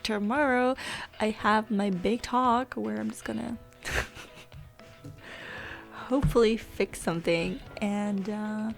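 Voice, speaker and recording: A woman talking straight to her viewers in a loose, confessional vlog, blunt and quick to swear. Her mid-pitched voice carries a lot of vocal fry, and faint music plays underneath. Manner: candid, venting, swears freely. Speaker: gaming vlogger. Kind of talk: casual confessional vlog chat.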